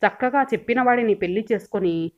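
A woman's voice: a little high, brisk, lightly acted. A woman voicing a stern, stubborn village father who speaks in a firm, dismissive way, heard on a dull lo-fi recording.

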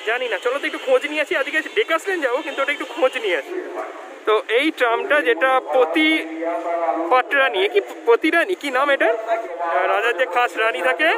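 A man's voice: very high voice, fast talker, crowd noise, rough recording. A man vlogging on a busy street, chatting to viewers through a face mask. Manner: chatty, talks straight to viewers. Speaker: food vlogger. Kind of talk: walking street vlog. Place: busy city street outdoors.

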